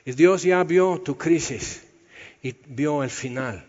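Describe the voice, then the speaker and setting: Preacher guy, kinda high voice, chatty explain-the-verse sermon, long echo in a church hall. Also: slow pace, a little mellow. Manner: conversational teaching, explaining verse by verse. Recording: dull sound with long hall reverb.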